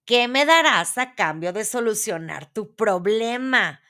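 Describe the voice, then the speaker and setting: A woman's voice: on the high side, animated, measured pace, bright, forceful tone. A woman voicing a grotesque, greedy male dwarf who makes bossy, demanding bargains in a storybook reading.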